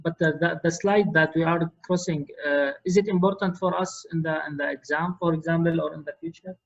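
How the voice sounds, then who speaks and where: Higher-voiced man on dull lo-fi audio. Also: steady tone, brisk, gravelly. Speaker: course attendee. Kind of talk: spoken question and comment to a lecturer. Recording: dull, lo-fi remote-sounding audio.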